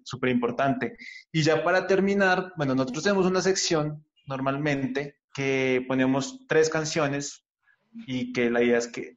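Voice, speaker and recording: A man hosting a podcast in a casual, conversational style. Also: mid-range voice. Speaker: podcast host. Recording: slightly dull, lo-fi audio.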